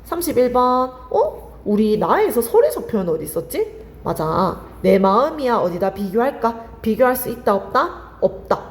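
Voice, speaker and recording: A woman's voice: fairly high pitch, very animated, moderate pace, in a large hall. A woman teaching Korean literature for exam prep, firing questions at her students and answering them herself. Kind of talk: lively exam-prep lecture.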